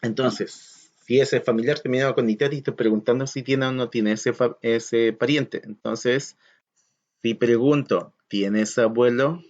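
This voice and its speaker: A man's voice: mid-range voice, steady tone, unhurried, a little mellow. Patient male teacher, slightly dull audio. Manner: patient, counts aloud and asks questions to the class. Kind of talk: recorded classroom lesson.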